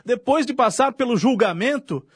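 A man's voice: very high-pitched, expressive, moderate pace, breathy edge, no room sound, clean studio sound. A man with a Brazilian Portuguese accent, a journalist and commentator accusing his opponent in a heated on-air debate, repeating his charges. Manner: combative, accusatory, repetitive.

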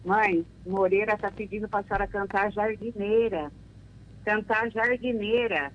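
A woman's voice: mid-range voice, steady tone, moderate pace, muffled recording, slight background noise. An older Brazilian woman calling a radio show, grateful and laughing often as she talks. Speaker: caller. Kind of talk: phone chat on radio.

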